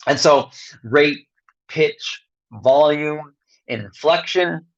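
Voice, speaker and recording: A man giving a recorded lecture, speaking slowly with long pauses and frequent fillers. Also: fairly high pitch, highs cut off. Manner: slow, pausing delivery with many fillers.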